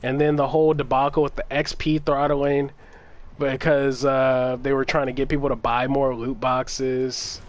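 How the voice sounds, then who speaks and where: A man's voice: mid-range voice, flat delivery, moderate pace. A man hosting a gaming livestream, ranting casually with exasperation, laughing and swearing as he talks.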